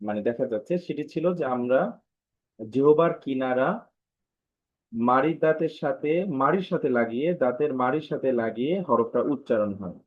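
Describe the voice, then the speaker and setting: A man teaching Arabic letters in an online live class, drilling each sound aloud and repeating it. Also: mid-range voice. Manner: opens with Arabic recitation. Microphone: online live class audio. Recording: tinny phone-like online audio.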